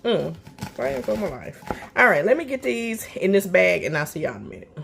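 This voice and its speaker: A woman's voice: on the low side, very animated, quick pace, creaky, fairly bright tone. A middle-aged woman, chatting folksily through a casual cooking vlog in her home kitchen and calling viewers honey and child. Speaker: cooking vlogger. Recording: noisy room with chopping and clicks.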